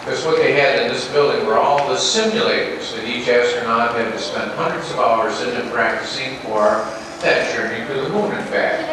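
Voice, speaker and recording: A man giving a guided tour to visitors, repeating his relaxed script for each new group, filmed from a distance on an old home VHS camcorder tape. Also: medium pitch, moderate pace. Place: large exhibit hall indoors. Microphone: far camcorder mic. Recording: echoey hall on a noisy old VHS tape.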